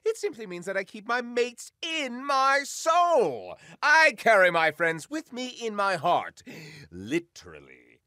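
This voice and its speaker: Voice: mid-range voice, wildly swooping pitch, slow pace, bright, forceful tone, no echo, clean studio sound, exaggerated voice. A performer voicing a melodramatic, boastful young male wizard who swings from grand speeches to sobbing.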